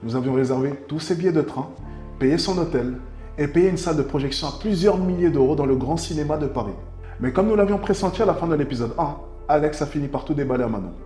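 A man in his twenties narrates to camera in formal wording. His voice is mellow and quick, in a roomy space with music underneath. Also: fairly high pitch, expressive. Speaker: presenter of a loyalty test video. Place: living room, indoors.

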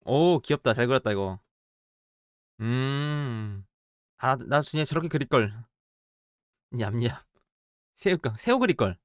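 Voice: mid-range voice, sing-song, smooth, no echo, clean studio sound. Chatty streamer muttering while drawing. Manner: chatty, muttering to self, quick playful reactions. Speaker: game streamer. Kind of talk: casual let's-play commentary while drawing.

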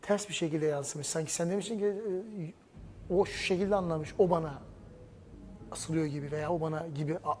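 A man's voice: a little high, moderate pace, a little hiss or hum. A man chatting casually, recounting and retelling what others said. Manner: animated, recounting conversations. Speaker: reality show contestant. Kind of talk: casual gossip chat.

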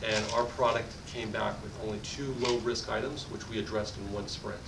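A man in his thirties giving a fast, enthusiastic product demo at a meetup podium, often restarting his sentences. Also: steady tone. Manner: fast, enthusiastic sales pitch with frequent restarts. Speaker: tech company presenter. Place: meetup conference room. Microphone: podium mic from far camera. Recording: distant roomy audio with rumble.

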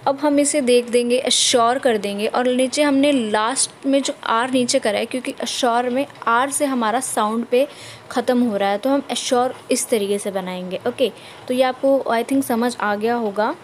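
A fairly high-voiced woman talks viewers through a shorthand lesson over her screen, one step at a time. She checks in often to make sure they are following. A steady hiss runs under the recording. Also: normal speed, rough recording. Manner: patient step-by-step explaining with frequent check-ins. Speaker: shorthand teacher. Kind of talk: screen-recorded tutorial explanation.

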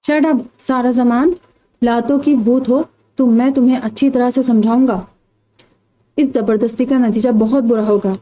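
A woman's voice: fairly high pitch, fairly even intonation, moderate pace, warm tone, close to an everyday voice. Rude young hero with a short fuse in a storybook, read by a woman, clipped and harsh. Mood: angry. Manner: angry, clipped. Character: rude, hot-tempered young man forced to marry.

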